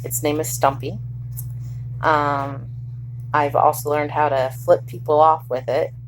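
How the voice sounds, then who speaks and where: A low-voiced woman records a casual video diary while recovering from surgery. She rambles candidly with light humor in a deep register. There is a faint hum behind her voice. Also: flat delivery, a little slow, rough recording. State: recovering hours after surgery. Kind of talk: casual chat to camera. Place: hospital room, in bed.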